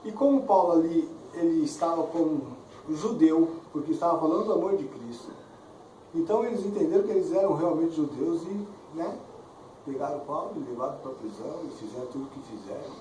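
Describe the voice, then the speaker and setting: A man's voice: fairly high pitch, lively intonation, a little fast, warm tone. Man preaching in an echoey church. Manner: conversational preaching, frequent "né?" tags. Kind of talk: sermon. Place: church hall. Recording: echoey church, far mic, clear background noise.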